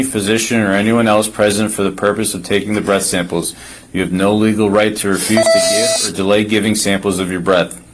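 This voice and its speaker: A man's voice: lowish voice, poor audio. A male police officer formally reading out a legal form and giving firm, insistent instructions. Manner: procedural, insistent. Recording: body camera with faint noise.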